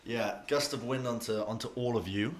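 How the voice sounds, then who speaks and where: A man's voice: medium pitch, normal speed, crowd noise. A man narrating as dungeon master in a loose, casual way full of fillers. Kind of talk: narrating a tabletop game.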